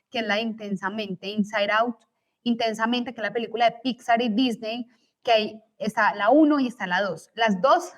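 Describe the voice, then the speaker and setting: Woman, young adult, teacher, recorded course lecture, fairly high voice, explanatory, frequent tag questions. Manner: explanatory, tag questions after each point.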